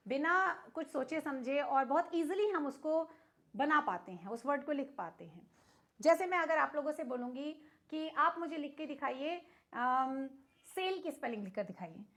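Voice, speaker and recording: With a high, slightly bright voice, an Indian-accented English teacher walks students through a lesson in Hindi sprinkled with English words. She patiently asks questions, then supplies the answers herself.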